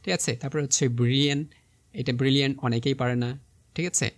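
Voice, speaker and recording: Racing along in a steady, medium-pitched voice, a young man with a Bangladeshi Bengali accent runs an exam vocabulary lesson, spelling out each word step by step. He frequently checks in with his students.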